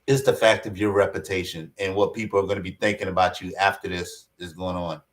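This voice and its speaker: A man's voice: low-pitched, level tone, fairly quick. A man giving casual online commentary, rambling, with many fillers and restarts.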